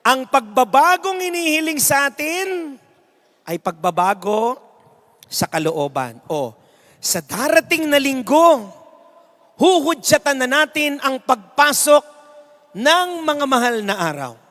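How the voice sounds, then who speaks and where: A male priest giving a sermon with a humorous anecdote, an animated storyteller mixing jokes and teaching, recorded in a reverberant church hall. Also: extremely high pitch, slow pace, pauses often.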